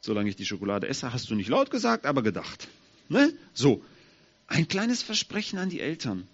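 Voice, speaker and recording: A man giving a children's sermon in a slightly husky voice, asking his listeners direct questions. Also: medium pitch, huge pitch swings, moderate pace, dull audio. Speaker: preacher for children.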